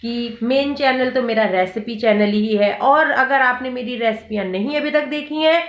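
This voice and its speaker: A woman's voice: on the high side, normal speed, muffled recording. A woman hosting a cooking channel, narrating a casual home vlog and explaining each item as she counts it out. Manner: homely, explanatory, counting items aloud.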